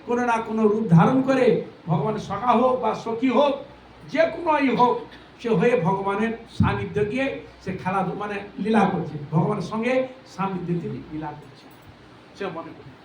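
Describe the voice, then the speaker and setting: A preacher gives a devotional sermon in a high, fairly quick voice, asking rhetorical questions, repeating phrases for emphasis and breaking into sung verses. He's recorded from a distance in an echoey hall with faint noise.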